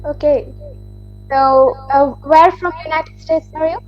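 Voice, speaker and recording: High-voiced Indian woman on a video call. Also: steady tone, measured pace, dull audio, soft background music. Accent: Indian English. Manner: chatty with frequent small laughs. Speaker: English learner and channel host. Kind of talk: casual video-call chat and scripted intro. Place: video call on a language app.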